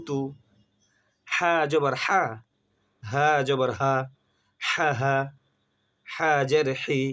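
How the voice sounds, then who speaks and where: A man teaching a reading lesson, spelling each syllable aloud and repeating it in a slow drill. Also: fairly high pitch, fairly bright tone.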